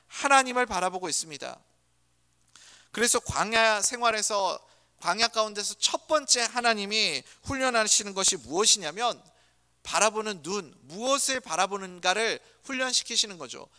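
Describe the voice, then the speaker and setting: A man's voice: high voice, bright, forceful tone. A male pastor preaching a sermon in a church, asking the congregation many rhetorical questions. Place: church sanctuary. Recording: church hall reverb.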